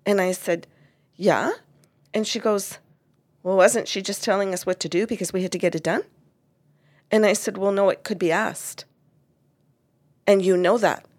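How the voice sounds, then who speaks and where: A woman's voice: medium pitch, normal speed, pauses often. Woman retelling a therapy session. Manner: animated, acts out quoted dialogue. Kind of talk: casual storytelling about a client session.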